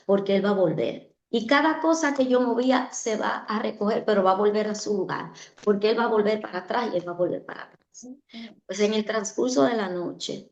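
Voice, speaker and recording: A woman giving an earnest personal testimony in an interview, often repeating her phrases for emphasis. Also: mid-range voice. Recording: echoey, dull-sounding room.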